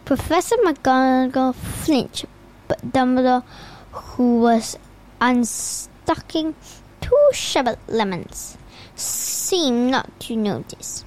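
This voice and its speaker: High, halting woman reading a storybook. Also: lively intonation, darkish tone, slight background noise. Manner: halting, stumbling read-aloud.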